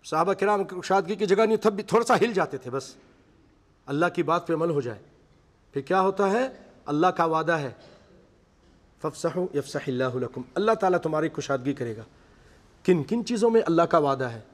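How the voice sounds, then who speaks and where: In a mosque hall, a man addresses a seated congregation with a high-pitched, expressive voice. His sermon alternates between reciting Arabic passages and explaining them in vivid stories. The recording carries a long, echoey hall reverb.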